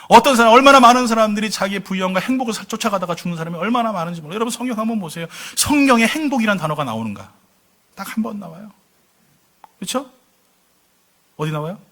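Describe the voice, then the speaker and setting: Lively high-voiced Korean-church preacher. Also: male voice. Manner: lively storytelling preaching, asks the congregation questions. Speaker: pastor. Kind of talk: sermon. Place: church sanctuary.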